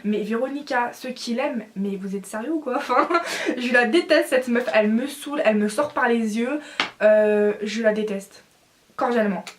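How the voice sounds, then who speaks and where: A woman's voice: a little high, normal speed, a little hiss or hum. A young woman in a casual opinion vlog, talking bluntly and with feeling, with many fillers. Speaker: vlogger.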